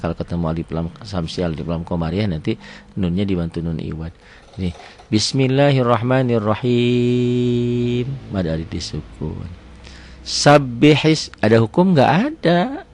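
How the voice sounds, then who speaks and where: Male teacher with a lowish voice, patient and step by step, draws out words slowly for demonstration. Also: a little mellow. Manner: patient, explains step by step, asks and answers his own questions; stretches words slowly when demonstrating recitation. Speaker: Quran reading teacher. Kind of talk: teaching lesson.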